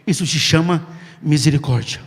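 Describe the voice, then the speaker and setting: A man preaching a sermon, telling a story with dramatic pauses and acted-out quotes. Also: on the high side. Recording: long hall reverb.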